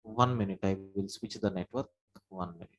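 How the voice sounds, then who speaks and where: With a deep voice at a normal speed, a man leads an online programming class over his own mic at a computer. He explains each step in turn and keeps saying "sir" to his listeners.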